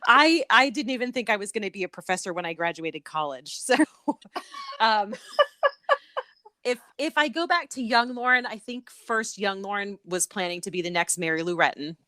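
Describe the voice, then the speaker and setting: A middle-aged woman from Connecticut, USA, an associate professor, talks casually as an interview guest, with frequent "um" fillers, repeats and easy laughs. Her mid-range voice is animated and sharp at a moderate pace, recorded in a clean studio with no echo.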